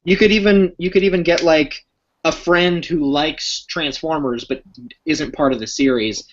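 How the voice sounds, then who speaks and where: A crew member of the series chatting eagerly and pitching ideas in a casual group call. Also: normal speed, lo-fi sound, slight background noise.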